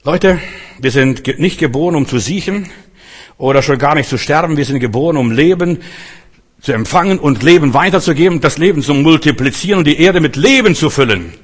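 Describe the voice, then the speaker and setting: A man preaching a sermon with a fairly high voice. He drives points home by repeating phrases, rising to loud calls and then dropping low and soft. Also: lively intonation, brisk, husky. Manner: emphatic preaching, repeating phrases, many pitch swings. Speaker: pastor.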